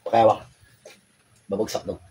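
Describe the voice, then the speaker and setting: A man's voice: normal speed, warm tone, a little hiss or hum, poor audio. A man leading a healing ritual, giving commands and chanting prayers. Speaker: faith healer.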